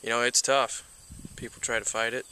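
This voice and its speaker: A man's voice: mid-range voice, level tone, fairly quick, bright, forceful tone, a little hiss or hum. A man stopped outdoors in the countryside for a casual interview, who answers reflectively and searches for words. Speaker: passerby being interviewed.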